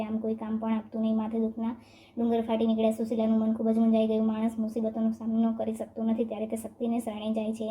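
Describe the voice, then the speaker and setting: Fast, flat-voiced Gujarati woman storyteller. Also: a little high. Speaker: narrator. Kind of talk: devotional story reading.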